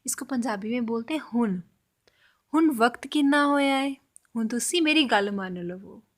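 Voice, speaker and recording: A woman gives a spoken language lesson. Her voice sits a little high, and she talks patiently, saying each example phrase slowly and repeating it for learners. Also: animated. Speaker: language teacher.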